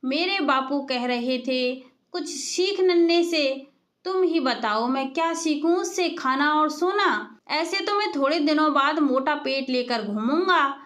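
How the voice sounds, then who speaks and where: A woman voicing a brash, half-deaf young village man who talks loudly and rambles. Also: high-pitched, animated, a little slow. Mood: boastful. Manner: loud, mishears and rambles.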